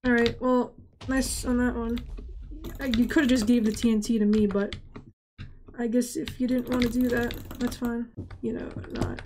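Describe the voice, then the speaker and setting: A woman with a stuffy, congested voice narrates her own gameplay. She rambles and stammers, restarting her sentences while she plays. Her voice sits fairly high, and faint typing clicks run behind it. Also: flat delivery, normal speed, a little mellow, a little hiss or hum. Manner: rambling, stammering self-talk. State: congested nasal voice. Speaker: gaming channel host. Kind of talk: live gameplay commentary.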